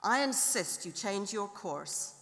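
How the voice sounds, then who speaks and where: A woman's voice: mid-range voice, lively intonation, slow pace, a bit bright. A woman voicing a stern, commanding male navy captain with an American accent, giving clipped orders in an echoing hall. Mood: insistent. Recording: long hall reverb.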